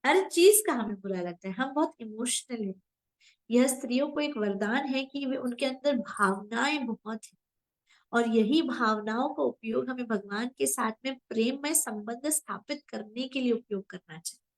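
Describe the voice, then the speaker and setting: High-voiced woman giving a devotional talk. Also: moderate pace, poor audio. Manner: earnest, asks the audience questions. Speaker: spiritual teacher. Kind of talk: devotional discourse. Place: online live session.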